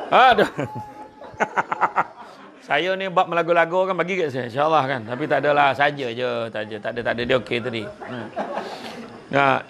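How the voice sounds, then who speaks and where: A man's voice: a little high, fairly bright tone. A man with a Malaysian Malay accent giving a humorous religious talk to a family gathering, teasing the people around him as he speaks. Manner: joking and teasing the audience.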